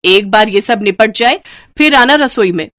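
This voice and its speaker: A woman voicing a harsh, bossy middle-aged sister-in-law in an animated storybook, scolding loudly. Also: fast, no echo, studio quality, natural voice. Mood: scornful. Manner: scolding, shrill and loud.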